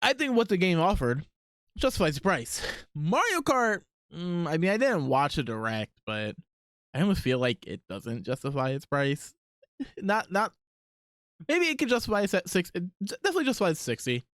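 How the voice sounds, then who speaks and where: A man's voice: sits high, sing-song, moderate pace, fairly bright tone, no room sound. A man streaming live while he works on art, talking casually and rambling as he thinks aloud, with lots of ums and likes.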